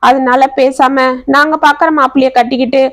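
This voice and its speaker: A woman's voice: high-pitched, flat delivery, brisk, no echo, natural voice. Woman voicing a tearful young woman in love. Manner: pleading.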